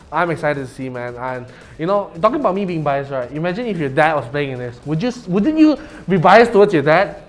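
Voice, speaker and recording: Malaysian man, fairly high-pitched, for casual esports co-commentary; Malaysian accent, chatty, sprinkles in local "lah" particles. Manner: colloquial, uses 'lah' particles. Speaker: esports tournament caster.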